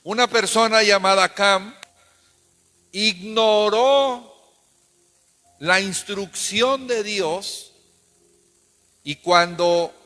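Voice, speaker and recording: A man's voice: high voice, extremely slow, long pauses, pushed and bright, soft background music. A man preaching a sermon as pastor, emphatic and calling the congregation to repeat after him. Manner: emphatic, calls for responses. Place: church. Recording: long church reverb.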